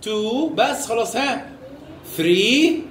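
Egyptian male primary teacher, fairly high voice, coaxing and full of praise, echoey classroom with faint noise. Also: expressive, slow pace, fairly bright tone. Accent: Egyptian Arabic. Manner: coaxing, showers children with praise and pet names. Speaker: primary school math teacher. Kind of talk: classroom teaching with young children.

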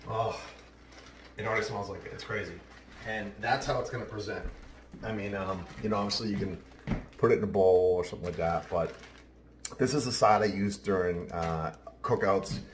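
A new man with a low voice hosts a casual home cooking demonstration indoors, speaking off-the-cuff, chatty and offhand as he works across a roomy kitchen. He keeps a moderate pace with slight background noise. The camera mic sits at a distance and then moves close to the camera, and the roomy kitchen sound makes him seem far away.

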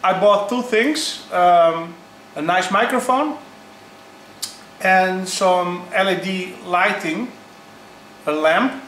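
Man on a low-quality, echoey camera mic. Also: a bit bright, far from the mic. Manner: halting, unpolished, pausing often. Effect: low-quality sound from a built-in camera mic. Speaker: YouTuber starting a channel. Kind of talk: casual unboxing vlog. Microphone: built-in camera mic. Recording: echoey, low-quality camera audio with faint background noise.

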